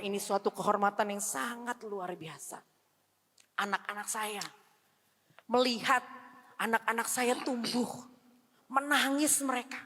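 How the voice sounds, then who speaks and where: A woman preaching a revival sermon, emotional, swinging between loud pleas and hushed tones, mixing in English words. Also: medium pitch. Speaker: seminar speaker. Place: church hall. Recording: long hall reverb.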